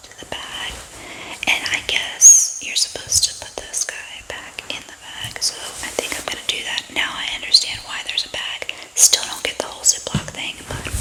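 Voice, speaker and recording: A woman hosting an ASMR show-and-tell in a breathy, unvoiced whisper, chatting softly and ramblingly as her voice gives out. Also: rough recording. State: losing her voice, sore throat. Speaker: ASMR channel host.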